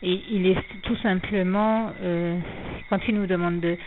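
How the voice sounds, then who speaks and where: Anonymous and steady in tone, a woman with a lowish voice gives a slow faith testimony marked by hesitations, fillers, restarts and a slight frog in her throat. The audio is tinny and thin, phone-line style, with faint noise behind her.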